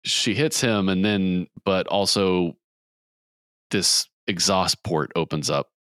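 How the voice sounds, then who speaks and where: Very deep, smooth-voiced man recapping. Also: fairly bright tone, no echo, clean studio sound. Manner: rambling plot retelling with quick voiced quotes and laughs. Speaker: podcast host. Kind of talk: casual movie recap chat.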